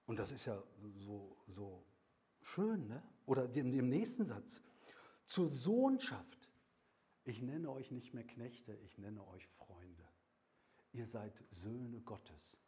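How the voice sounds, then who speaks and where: An older man preaching a sermon, swinging between loud emphatic lines and soft whispered passages, with slow, deliberate repeated phrases. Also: medium pitch, lively intonation.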